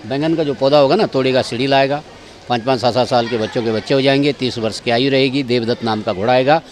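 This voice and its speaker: Male guide on an outdoor tour, mid-pitched, keeps directing visitors where to look. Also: fast talker, slight background noise. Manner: directive, keeps pointing things out. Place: outdoor temple grounds.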